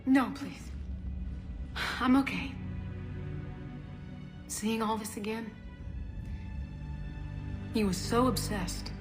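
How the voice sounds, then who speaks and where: A woman voicing a grieving young female scientist in video game dialogue, speaking in a hesitant, halting, emotional way, with game music behind. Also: a little high.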